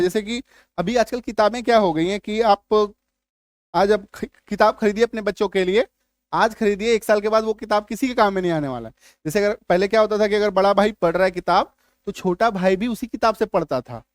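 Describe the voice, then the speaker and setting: A man teaching English spelling and pronunciation in a YouTube lesson, often asking if students follow and loudly stressing key sounds. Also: high-pitched, dry recording, clean studio sound. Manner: repeats "ठीक है?" and "है ना?" to check understanding; stresses key sounds loudly, then drops back to conversational.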